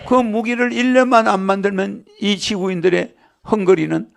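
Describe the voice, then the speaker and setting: Gravelly high-voiced man lecturing a crowd. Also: fairly even intonation, moderate pace. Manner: rambling, asks the crowd rhetorical questions; jokes and laughs with the audience. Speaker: spiritual lecturer. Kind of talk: lecture to a live audience.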